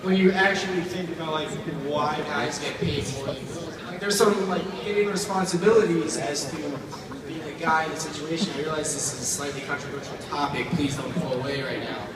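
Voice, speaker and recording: A young American man in his early twenties doing amateur live stand-up, rambling and halting as his jokes fall flat. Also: on the high side, a loud crowd. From United States, grew up outside Indiana. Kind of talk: live stand-up comedy, joke bombing. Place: stage at a live event. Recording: echoey, noisy hall, recorded from far off.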